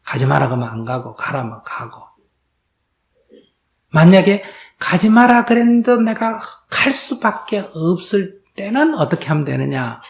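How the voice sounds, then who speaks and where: A man's voice: high voice, very animated, unhurried, creaky. A man, a Buddhist monk, giving a question-and-answer dharma talk to an audience, asking rhetorical questions and acting out quoted dialogue. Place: lecture hall before an audience.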